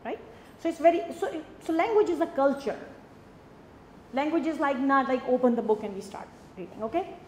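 Animated woman lecturing in an echoey hall. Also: high voice, fairly quick, a little hiss or hum. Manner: animated, demonstrative, asks the audience questions. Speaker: professor giving a lecture. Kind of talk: lively classroom lecture. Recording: echoey hall with long reverb.

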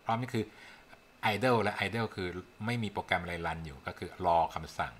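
A man's voice: on the low side, lively intonation, normal speed, fairly bright tone, a little hiss or hum. A man giving a casual programming tutorial, talking the viewer through his screen, thinking aloud and coaxing them along. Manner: chatty, coaxing, thinks aloud while typing. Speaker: programming instructor.

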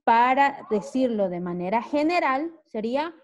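A woman's voice: a little high, very animated, a little slow, muffled recording. A woman whose first language is Spanish, teaching English in an online class over a video call. She talks with a Spanish accent, switches between English and Spanish and keeps checking with "okay?". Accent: Spanish-speaking.

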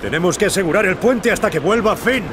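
Man acting a high-pitched commanding army captain, Castilian. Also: expressive, fast talker, background noise. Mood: resolute. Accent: Castilian Spanish. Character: commanding military captain, loyal and resolute.

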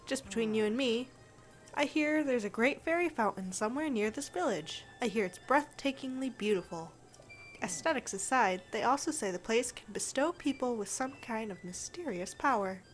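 A woman's voice: a little high, animated, moderate pace, faint music behind, lightly acted. A woman voicing an elderly male traveling artist who is cheerful and chatty, with a friendly, eager storytelling tone.

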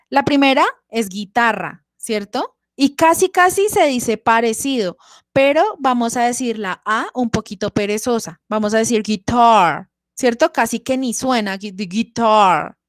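A woman teaching English to young children on a video call, affectionate and slow in her pronunciation drills. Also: on the high side, no room sound, clean studio sound. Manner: affectionate, calls pupils "amor". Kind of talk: online class for young children.

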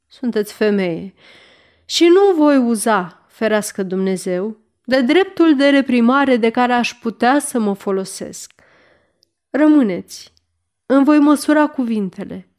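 A woman's voice: on the high side, darkish tone, close to an everyday voice. This is a proud king whose authority has been crossed, speaking with a demanding, commanding edge and barely held-back fury. A woman reads his lines aloud in an audiobook. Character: angry proud French king, middle-aged man.

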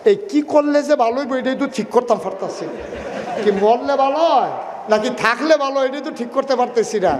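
A man preaching voices a proud, sly tyrant king in a lower, coaxing tone, with a Bangladeshi colloquial accent. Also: fast talker, reverberant, in a large hall, background noise. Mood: puzzled.

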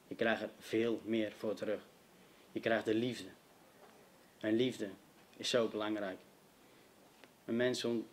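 A man's voice: on the low side, a little hiss or hum. Young man, earnest and emphatic, sharing his testimony with a youth audience. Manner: earnest, emphatic, direct address to listeners. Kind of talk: personal testimony to a youth meeting.

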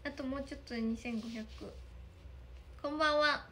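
Young woman on a phone livestream, chatty n giggly, reads comments, high voice, bit of background hiss. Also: steady tone, fairly quick, fairly bright tone. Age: young adult. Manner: chatty, thanks viewers often, giggly. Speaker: idol livestreamer. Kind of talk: casual livestream chat reading comments. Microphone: phone camera.

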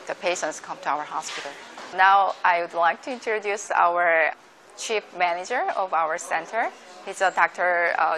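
A woman's voice: lowish voice, fairly bright tone. A woman in her thirties, hospital staff presenting to camera in a lobby, with simple phrasing and brief fillers. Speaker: hospital international center staff.

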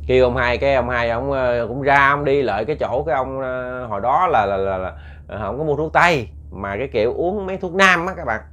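A man telling a ghost story in a casual, animated way, repeating words for suspense and talking to his listeners. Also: medium pitch, fairly quick. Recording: muffled lo-fi recording.

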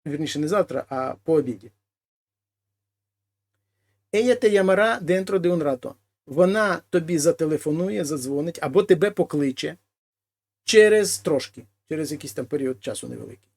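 A man teaching a language lesson: he reads each example phrase, then translates it slowly and explains it. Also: on the high side, animated, gravelly, a little mellow. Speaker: Spanish teacher.

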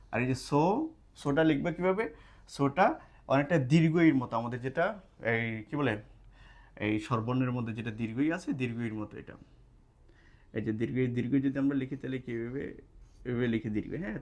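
A man teaching casually at a board, explaining step by step and checking in often with his listeners. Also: medium pitch. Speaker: language teacher. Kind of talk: casual spoken lesson at a board. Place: indoors, classroom or study room at a board. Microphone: camera mic while writing on a board.

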